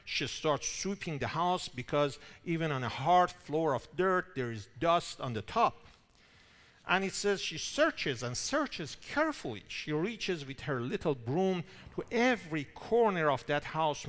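Animated male preacher in a reverberant hall. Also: a little high, a little slow. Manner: animated, emphatic preaching with dramatic quotes and rhetorical questions. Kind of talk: sermon. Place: church hall.

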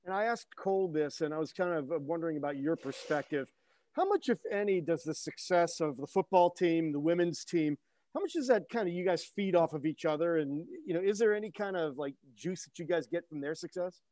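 A man's voice: fairly high pitch, lively intonation, fairly quick, warm tone, no echo. A man, a reporter, asking a coach questions at a press conference in a conversational, rambling way.

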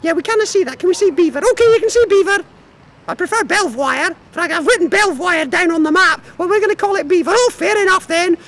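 A man voicing a goofy, bantering Scottish sock puppet in a squeaky falsetto, improvising a comedy sketch. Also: fast, a bit bright. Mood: silly, playful.

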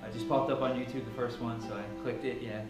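Loud music plays under a man's mid-range voice, which is steady and brisk. Recorded from a distance by a camera a few metres away in a large, sparsely furnished living room, he opens with a casual introduction and then reads scripture dramatically, with the room echoing around him.

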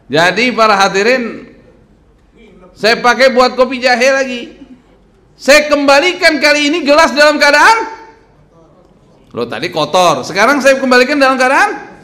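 A man in his thirties giving a lively sermon at a lectern, quizzing the audience and joking between points. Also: very high voice, a little slow, long pauses. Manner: animated, quizzing the crowd, joking. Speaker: preacher. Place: mosque hall lecture at a lectern. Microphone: stand mic on lectern.

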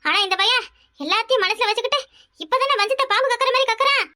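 Woman voicing a shrill, fiery village mother. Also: bright, forceful tone. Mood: scolding. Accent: Kanyakumari Tamil. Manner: scolding, rapid and shrill. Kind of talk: cartoon voice acting.

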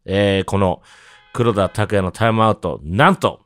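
A man's voice: normal speed, a bit bright, no room sound. A man with a Kansai Japanese accent, a trumpeter chatting casually to camera from his home studio in a jokey, playful way. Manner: playful and jokey, with sudden high exaggerated flourishes. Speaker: trumpeter hosting his own channel. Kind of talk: casual vlog monologue.

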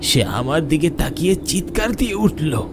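A man narrating a ghost story in a dramatic way, dropping to a hush at scary moments. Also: on the high side, very animated, moderate pace, noisy background.

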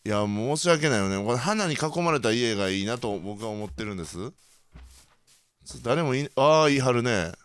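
A young man with a Kansai accent commentating his own game play, bursting into loud reactions and then muttering quietly. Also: moderate pace, clean tone, no room sound. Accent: Kansai Japanese. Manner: excitable, reacts loudly to surprises, then mutters low. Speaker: gaming channel host.

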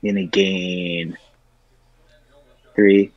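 Slow low-voiced man calling game moves. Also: level tone, dry recording, lo-fi sound. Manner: slow, deliberate. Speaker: board game player. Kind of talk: announcing game moves over voice chat.

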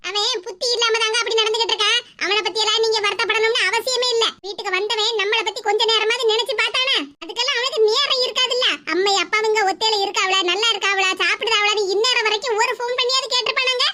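A woman's voice: very high voice, steady tone, fast talker, hardly any pauses. A woman voicing a worried village wife in a cartoon, with a Kanyakumari Tamil accent, pleading and questioning insistently. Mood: worried, coaxing. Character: worried village wife, coaxing her husband. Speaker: voice actor. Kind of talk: cartoon voice acting. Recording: noisy background hiss.

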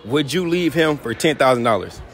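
A young man hosting street interviews, energetic and teasing, who repeats his phrases, speaking into a handheld mic outdoors and in a mall. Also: mid-range voice, a little fast, faint music behind. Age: young adult.

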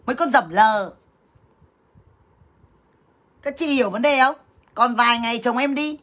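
A woman's voice: on the high side, fairly quick, a bit bright. Foul-mouthed woman on a scolding livestream rant. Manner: crude, profane, scolding; talks straight to viewers as sisters. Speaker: livestreamer addressing viewers.

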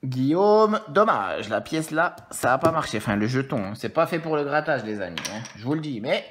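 A man's voice: medium pitch, big pitch swings, normal speed, a bit bright, slight background noise. A man giving casual live commentary as a scratch-card streamer, playful and jokey, counting numbers aloud and chatting with his viewers.

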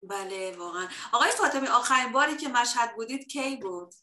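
A woman's voice: a little high, lively intonation, sharp tone. A woman hosting an interview, asking polite, encouraging questions. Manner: polite, encouraging, laughs often. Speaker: interview host. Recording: echoey room.

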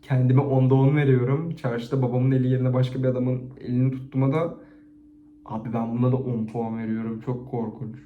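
A man chatting casually to a camera, reading out embarrassing stories and rating them, expressive and chatty. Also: mid-range voice, quick pace, phone-quality sound, a little hiss or hum. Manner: chatty and expressive, with frequent laughter. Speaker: YouTuber reading viewers' stories. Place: indoors at home, set-up camera. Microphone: camera on a stand. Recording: echoey room.

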